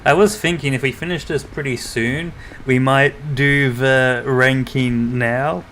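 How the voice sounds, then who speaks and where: Laid-back male streamer, slow drawl, noisy home mic. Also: mid-range voice, fairly even intonation, a bit bright. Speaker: game streamer. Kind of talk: casual gameplay commentary.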